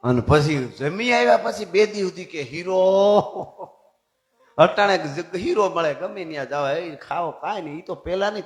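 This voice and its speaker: Male folk storyteller, Kathiawadi Gujarati accent, high voice, chatty asides; echoey room, music behind. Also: a bit bright. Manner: chatty, humorous asides to the audience.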